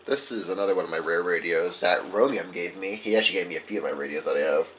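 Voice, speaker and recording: Talking fast in a low, slightly bright voice, a man casually presents his radio collection. The show-and-tell is unscripted and informal, full of rambling and self-corrections. Faint background noise can be heard.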